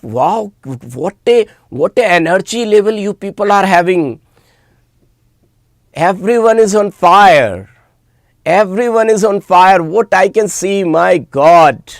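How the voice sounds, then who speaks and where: Indian guy teaching a live online class, kinda high voice, says stuff over and over for emphasis, dry close sound. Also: expressive, takes it slowly, no echo. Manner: emphatic, repeats words and phrases. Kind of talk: informal live-stream chat with students.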